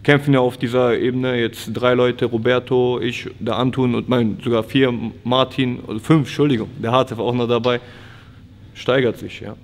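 A man's voice: mid-range voice, moderate pace. A man in his twenties, an MMA fighter, talking casually in an interview, with lots of fillers and restarts. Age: 20s. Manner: relaxed, frequent fillers and restarts. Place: training gym, indoors.

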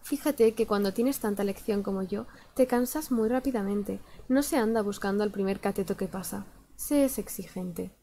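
A woman's voice: mid-range voice, normal speed, dark tone, slight background noise, close to an everyday voice. A woman reading out the lines of a proud, haughty teenage girl rival in a disdainful tone.

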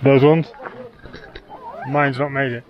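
On a mountain trail, a thirtysomething travel vlogger gives casual narration into an action camera held at arm's length, upbeat and a bit out of breath as he hikes. His medium-pitched voice barely moves in pitch and comes at a slow pace. The recording has its highs cut off and a noisy background.

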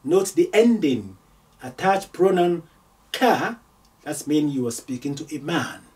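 A man's voice: on the high side, animated, extremely slow, dark tone, distant mic. A man teaching a spoken lesson, repeating each word and explaining it in English with small slips. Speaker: Arabic teacher. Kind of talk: slow spoken language lesson.

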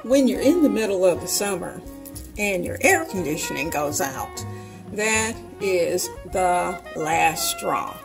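Woman host, home kitchen, unhurried homey patter, music bed underneath. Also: lowish voice, big pitch swings, gravelly, rough recording. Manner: chatty, homey, talks the viewer through each step. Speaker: home cooking video host. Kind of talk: casual cooking demonstration.

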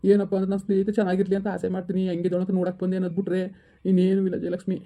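A woman's voice: fairly low pitch, completely flat delivery, racing, dark tone, natural voice. A woman playing a sad, devoted young male friend from the village in a family skit, speaking in a hurt, resigned way.

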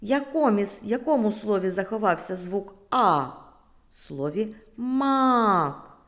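A woman kindergarten teacher with a Ukrainian accent, giving a lesson to preschool children in a slow, clear, sing-song voice that stretches out sounds. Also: medium pitch, expressive, darkish tone.

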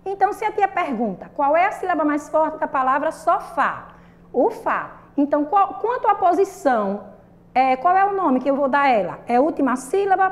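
A woman teaching a primary school lesson to children with a Brazilian Portuguese accent, patient and repetitive, asking the class questions and drawing out syllables. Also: high voice. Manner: patient, repeats and asks the class questions, drawn-out sung syllables.

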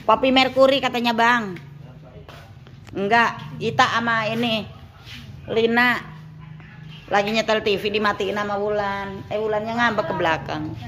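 A woman's voice: medium pitch, fairly even intonation, measured pace, pauses often, fairly bright tone. A woman, a caretaker chatting casually, calling out names and teasing. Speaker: caretaker at a care home. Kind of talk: casual chat. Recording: faint background noise.

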